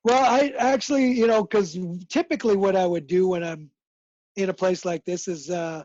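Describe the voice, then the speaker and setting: A man's voice: sits high, steady tone, normal speed, darkish tone, no room sound, muffled recording. A man chatting casually as a guest, easygoing and rambling as he tells his stories. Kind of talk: casual video-call chat.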